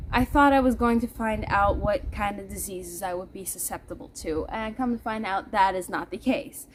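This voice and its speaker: A Dutch woman from the Netherlands vlogs outdoors in the heat, chatting casually and playfully to her viewers. Her voice is medium-pitched, with a little hiss or hum in the recording.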